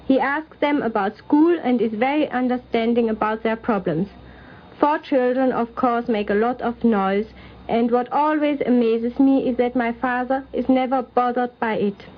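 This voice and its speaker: A middle-aged woman with a high voice, the daughter of the programme's subject, gives a prepared personal account for radio. It is a dull 1950s radio recording.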